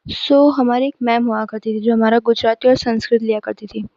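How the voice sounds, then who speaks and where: Teen girl vlogger, emphatic storytime retelling, slightly high, dull dry home recording. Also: fairly even intonation, moderate pace, dark tone, dry recording. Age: teens. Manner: chatty, emphatic retelling with frequent restarts. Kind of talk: casual storytime vlog.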